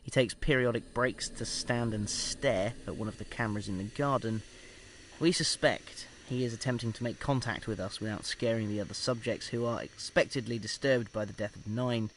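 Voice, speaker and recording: In an audio drama, a male actor plays a measured research scientist dictating an experiment log in a formal, clinical way, with hesitant pauses. His natural voice is mid-range with a steady tone, but the audio is poor, carrying a little hiss or hum.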